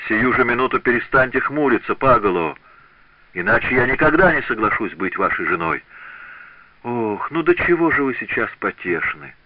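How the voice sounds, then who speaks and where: A man voicing a lively, mocking young woman in an audiobook. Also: mid-range voice, normal speed, highs cut off. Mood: teasing. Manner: laughing, teasing speech.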